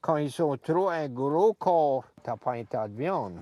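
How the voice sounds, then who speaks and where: A man's voice: fairly high pitch, lively intonation, a little slow, dark tone. A man from Louisiana speaking with a Cajun French accent, giving colloquial, rustic interview remarks as a crawfish farmer. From Louisiana, United States. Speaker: rice field owner and crawfish farmer.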